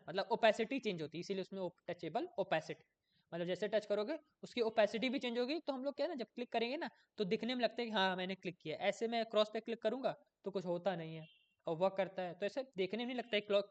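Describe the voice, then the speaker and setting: Man thinking aloud through code. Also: sits high. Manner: thinks aloud while coding, often loses his place; chatty, checks in with viewers. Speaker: coding tutor. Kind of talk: casual screen-recorded coding tutorial.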